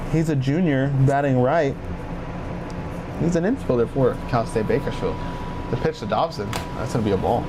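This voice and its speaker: A man calls a college baseball game pitch by pitch, reading out stats and tossing questions to his partner. Steady background noise runs under his mid-pitched voice. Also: moderate pace. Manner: calls each pitch plainly, reads stats, asks co-host questions. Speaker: play-by-play announcer. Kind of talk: student sports play-by-play.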